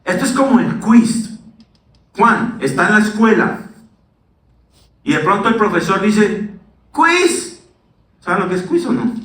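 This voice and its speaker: A middle-aged man preaching a sermon as pastor, animated and swinging down to a hush. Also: high voice, distant mic. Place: church. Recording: echoey church hall, voice from the mic.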